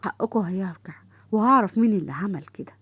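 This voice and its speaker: A woman voicing a serious, earnest young woman officer who speaks softly and quickly. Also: mid-range voice, animated, slightly rough, no room sound. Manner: earnest, soft-spoken.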